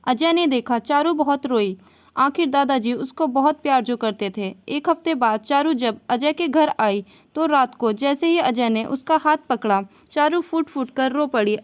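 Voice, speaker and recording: A woman reading a scripted moral story in a gentle, even storytelling manner. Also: sits high, measured pace.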